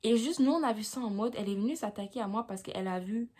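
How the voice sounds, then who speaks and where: Young woman vlogger, slangy chatty story time, mid-pitched voice, casual storyteller. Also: fast, a little mellow. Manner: slangy, chatty, fillers like "tu vois".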